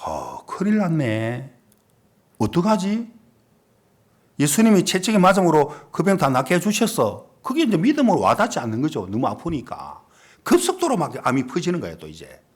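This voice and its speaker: An older man, a pastor, preaching a sermon as a story, moving between hushed asides and loud, emphatic preaching. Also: on the high side, wildly swooping pitch, fast talker, slightly rough. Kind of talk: sermon with acted dialogue.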